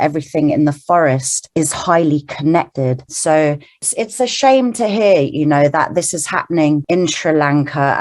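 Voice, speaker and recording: A woman with a lowish voice hosts a radio interview. She asks her questions in a friendly, polite way. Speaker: radio show host.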